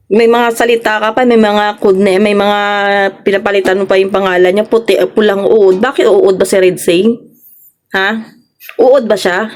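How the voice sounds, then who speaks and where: A woman vlogger with a Filipino accent giving her reaction, scolding someone with a string of sharp rhetorical questions. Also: on the high side. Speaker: vlogger reacting to online drama. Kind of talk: casual reaction commentary.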